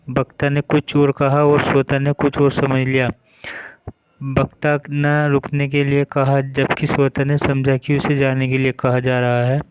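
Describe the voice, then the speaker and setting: A man's voice: mid-range voice, smooth, no echo, lo-fi sound. A man teaching a Hindi grammar lesson, explaining each term step by step and reading verse examples.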